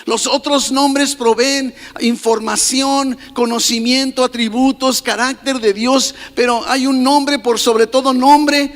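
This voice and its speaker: A man's voice: very high-pitched, fairly bright tone, long reverb tail. A man preaching a sermon as pastor, emphatic and often putting questions to the congregation. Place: church.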